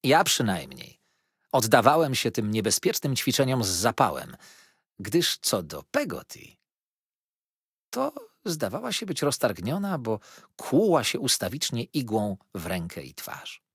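A man narrates a classic novel in measured, expressive storytelling. His voice is somewhat husky and his pitch moves a lot. The recording is dry and close, with no room sound. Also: dry recording. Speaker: audiobook narrator. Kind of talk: scripted narration.

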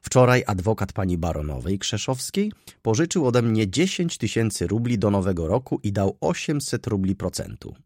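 A man reading an audiobook and voicing a shrewd, chatty old moneylender who haggles and flatters. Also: lowish voice, moderate pace, hardly any pauses, breathy edge, no room sound, clean studio sound, voice pushed up. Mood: wheedling. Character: shrewd old grey-haired male moneylender.

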